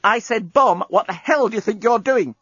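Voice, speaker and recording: A man's voice: high-pitched, normal speed, a bit bright, breathy edge, no echo, highs cut off, pitched above the performer's own voice. A man putting on an urgent young woman. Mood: demanding. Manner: urgent, breathless pleading.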